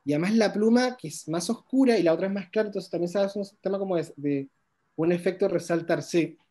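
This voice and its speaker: A man leads an online illustration workshop and reviews his students' drawings one by one. He praises them eagerly and warmly, often stopping and restarting mid-sentence. His voice comes through a video-call microphone. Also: high-pitched, fast talker. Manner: warm, enthusiastic praise with many restarts.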